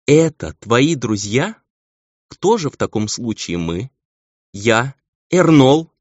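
A man's voice: lowish voice, big pitch swings, moderate pace, creaky, no room sound, full character voice. A man reading an audiobook, voicing a haughty female battle angel who talks with scorn and command. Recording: dull lo-fi audio.

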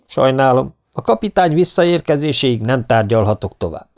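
A man's voice: mid-range voice, lively intonation, a little mellow, voice pushed up, natural voice. A man voicing a young male lieutenant, a stubborn officer who gives firm, clipped orders in an audiobook. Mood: stern.

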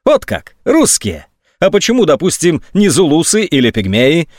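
A sarcastic, scornful army general, put on by a man reading a story aloud, his voice pushed high and swinging widely as he mocks. Sneering and shrill at its peaks. Dry, close recording with no room sound. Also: very animated, a little fast, dry recording. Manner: mocking, sneering, sometimes shrill.

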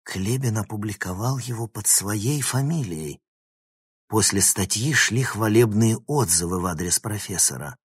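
A man's voice: lowish voice, unhurried, husky, no room sound, studio quality. A man reading a dramatic story aloud as narrator. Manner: dramatic reading, animated phrasing. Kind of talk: audiobook narration.

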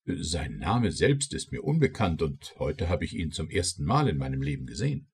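A man's voice: a bass voice, sing-song, moderate pace, darkish tone, a little hiss or hum, exaggerated voice. A man voicing a guarded, deferential constable leader in an audiobook reading.

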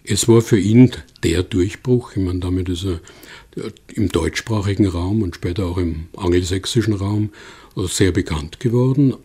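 Male interviewee, very low and husky, talking through his points with conversational pauses. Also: warm tone. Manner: thoughtful, explanatory, with fillers. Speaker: expert guest. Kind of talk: conversational explanation.

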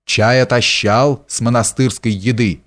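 Man doing a cursing rough henchman. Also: mid-range voice, fairly even intonation, a little slow, a bit bright, natural voice. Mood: gruff. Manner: cursing, gruff. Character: rough, foul-mouthed robber henchman.

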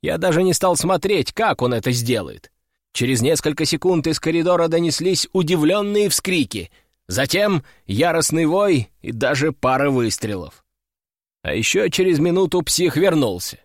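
A man reading a first-person story aloud in an even, casual, dryly ironic way. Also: a little high, normal speed, no room sound, clean studio sound. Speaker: audiobook narrator. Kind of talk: first-person audiobook narration.

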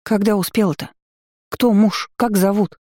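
An audiobook reader voicing a lively young woman who fires off questions and scolds her friend. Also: medium pitch, dry recording, studio quality, pitched above the performer's own voice, natural voice. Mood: questioning. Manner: exclaiming, chiding, quick questions. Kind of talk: audiobook character voice.

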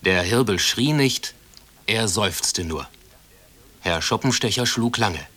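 A man reading a children's story aloud in calm, measured school-radio narration. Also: fairly low pitch, breathy edge. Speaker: reader.

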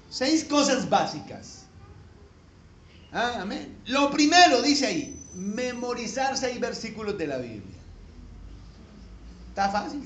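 A man's voice: high-pitched, fairly bright tone, slight background noise. A man with a Colombian accent preaching a conversational sermon, folksy and joking, building to emphatic peaks. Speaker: pastor. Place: church sanctuary. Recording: echoey church room.

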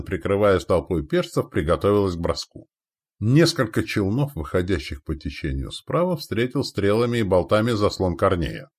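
A male audiobook narrator telling a war story with vivid drama. His voice is deep and swings widely in pitch. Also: slightly rough. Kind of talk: scripted narration.

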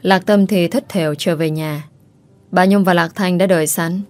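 Woman narrating a drama story, lowish voice, dry sound. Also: steady tone, moderate pace, no echo.

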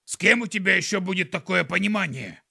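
A man voicing an excitable, cheeky undead skunk in an audiobook. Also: high-pitched, fairly quick, creaky, breathy edge, no echo, studio quality, voice pushed up, full character voice. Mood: offended.

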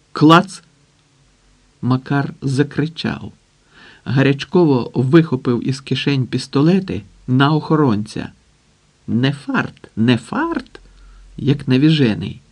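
A man reading an audiobook in a dramatic, deliberate way, acting out the characters. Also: medium pitch. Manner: slow, deliberate, voices characters with shouts. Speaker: audiobook narrator.

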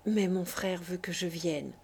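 Lady doing a shy, torn woman, hesitant, warm husky tone. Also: lowish voice, measured pace. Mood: embarrassed. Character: torn, embarrassed woman, earnest.

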